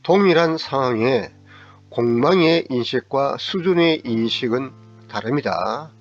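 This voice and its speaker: A man's voice: mid-range voice, animated, measured pace. A middle-aged man lecturing as a counseling psychologist, explaining step by step and sometimes acting out angry remarks in a raised voice. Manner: acts out angry quoted lines in a raised voice. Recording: slightly dull recording with faint guitar music.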